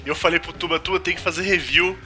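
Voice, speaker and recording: A young man with a Brazilian accent, joking and swearing loudly in a casual podcast chat. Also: a little high, fairly even intonation, fast talker, soft background music. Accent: Brazilian Portuguese. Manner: swears a lot, jokey, loud outbursts. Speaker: podcast co-host, game reviewer.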